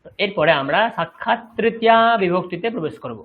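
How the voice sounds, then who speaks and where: A Bengali-accented man teaches a Sanskrit lesson in a lively, rising and falling voice that is a little husky. He explains patiently and keeps asking if the class has understood. The audio is dull and lo-fi. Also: high-pitched, fast. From West Bengal, India. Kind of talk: online class lecture.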